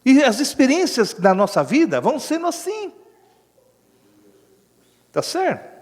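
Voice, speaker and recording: Brazilian pastor man preaching, high voice that jumps all over, big echoey church. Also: unhurried. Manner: animated storytelling preacher, acts out quoted speech. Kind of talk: sermon. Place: church hall. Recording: echoey church hall with long reverb.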